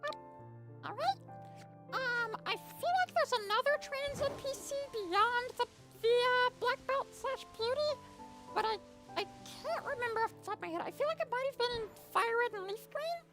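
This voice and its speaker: Chipmunk-high helium voice, chatty, music behind. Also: male voice, expressive, normal speed. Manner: chatty, reading out chat, easily squeamish. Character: squeaky helium-voiced version of the streamer. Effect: helium-pitched voice. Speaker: livestreamer. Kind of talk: casual livestream chat.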